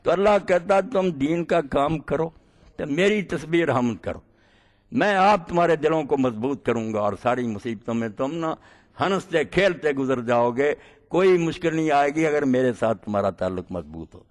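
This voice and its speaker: A man delivering a religious sermon, storytelling passion, swinging his pitch widely and reciting verses slowly. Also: animated. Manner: asks listeners short checking questions. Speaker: preacher.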